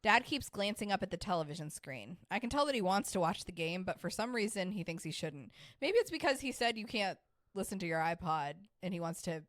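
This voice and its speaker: A woman's voice: fairly low pitch, big pitch swings, fairly quick, fairly bright tone, dry recording. Dry-voiced woman reading a story aloud. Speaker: podcast co-host.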